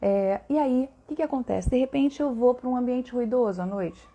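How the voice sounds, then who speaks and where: A woman's voice: a little high, normal speed, warm tone, highs cut off. A middle-aged woman with a Brazilian accent, a voice therapist chatting on a live stream and answering viewers, talkative and full of tag questions. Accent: Brazilian Portuguese.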